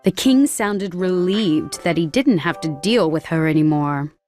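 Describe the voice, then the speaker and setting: A woman reading a children's storybook aloud in a clear, measured narration. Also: fairly low pitch, lively intonation, a little mellow, faint music behind.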